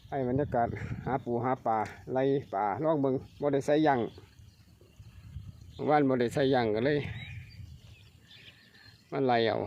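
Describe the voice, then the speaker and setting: A man's voice: mid-range voice, darkish tone, dull audio. An older man with an Isan accent, narrating his own fishing vlog in a folksy way and calling out to his viewers as family. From Northeast Thailand. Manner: folksy, keeps calling viewers brothers and sisters. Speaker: fishing vlogger. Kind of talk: casual outdoor vlog narration. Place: outdoors by a rural pond or stream. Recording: outdoor noise with birds and water. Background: rural ambience, birds, water.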